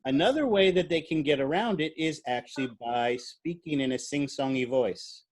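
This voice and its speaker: In a classroom, a man with a slightly high voice gives a biology lecture at normal speed. He keeps the explanation relaxed and conversational, uses "uh" as a filler and quizzes the students.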